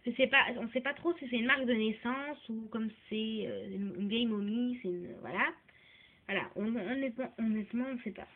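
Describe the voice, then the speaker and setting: A woman's voice: a little high, fairly quick, a little hiss or hum. A woman giving a casual toy review, hesitant and filling her talk with restarts and small filler words. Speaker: doll reviewer. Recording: tinny phone-like recording.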